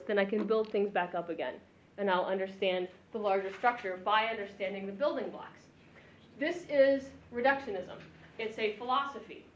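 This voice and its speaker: A woman physics lecturer teaching a class, animated and joking, chuckling between her points. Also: medium pitch, a little hiss or hum. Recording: echoey, dull lo-fi room recording.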